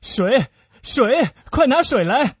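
A man plays a desperate young swordsman in a radio play, pitched up high and urgent. His cries swing wildly from plea to plea. The sound is husky, muffled and dry. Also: big pitch swings, normal speed, mellow, no room sound, exaggerated voice. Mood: frantic. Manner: urgent, pleading outcries. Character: young hot-blooded male swordsman, frantic. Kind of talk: Chinese radio-play acting. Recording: dull lo-fi dry recording.

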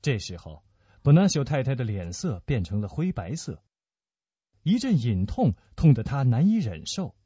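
Husky, expressive male narrator. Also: medium pitch, moderate pace, no echo. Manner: expressive storytelling. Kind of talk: dramatic narration of a novel. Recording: dull lo-fi dry recording.

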